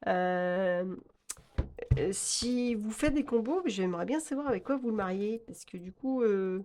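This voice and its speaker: A woman's voice: medium pitch, lively intonation, unhurried, a little mellow, slight background noise. A woman hosting a casual tarot video, chatty and hesitant with many fillers and laughs. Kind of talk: casual chat about tarot cards.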